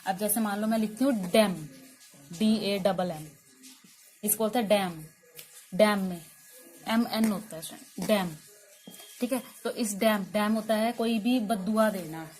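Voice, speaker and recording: A woman's voice: medium pitch, a little slow, long pauses, a little mellow, faint music behind. Hindi-speaking woman teaching English words. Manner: explains and repeats, quizzes students with questions. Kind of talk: spoken English lesson in Hindi.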